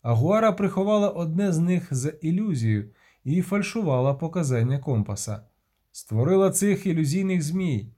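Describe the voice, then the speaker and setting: A man narrating an audiobook with vivid, even-paced storytelling. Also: fairly high pitch, normal speed.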